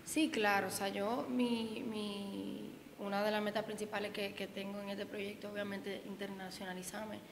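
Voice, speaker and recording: With a medium-pitched, gravelly voice, a young Dominican singer speaks flatly at a moderate pace with hardly any pauses, her casual interview answers full of fillers and restarts in a Dominican Spanish accent. She's recorded in an echoey indoor event room through the interviewer's handheld mic, with faint noise.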